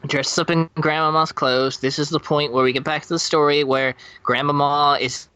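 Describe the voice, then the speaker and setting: A man's voice: on the high side, moderate pace, smooth, no room sound. A man joining a podcast as a guest, telling a comic story with lots of swearing and stumbling restarts. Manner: profane, stumbling, excitable. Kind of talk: improvised comedic storytelling.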